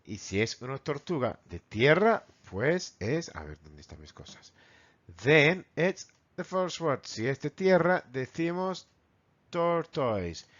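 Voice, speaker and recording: A man with a Spanish accent from Spain teaching English vocabulary to children, repeating words slowly and mimicking animal sounds. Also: fairly high pitch, big pitch swings, a bit bright, lo-fi sound. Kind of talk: bilingual vocabulary lesson.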